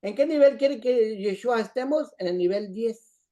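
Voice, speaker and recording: A Bible study teacher with a mellow, relaxed tone and a mid-range voice. The delivery circles back over each point and keeps checking in with listeners. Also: mid-range voice, normal speed. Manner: repetitive, checks in with "¿sí?". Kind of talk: scripture teaching.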